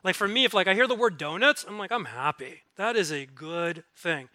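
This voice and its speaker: A bright, high-pitched man preaches with lively energy, moving between jokes and earnest appeals. He keeps his talk conversational and checks in with frequent rhetorical questions. His voice is close and dry, with little room sound. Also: fairly quick, no echo. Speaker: guest speaker. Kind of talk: sermon.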